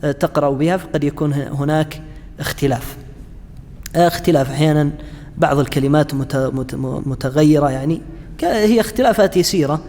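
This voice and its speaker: A man teaching a class on Quranic interpretation, pausing often with fillers and restarts and asking his students questions. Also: a little high, a little mellow, in a large hall. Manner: halting, frequent fillers and restarts, chats with students. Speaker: Islamic studies lecturer.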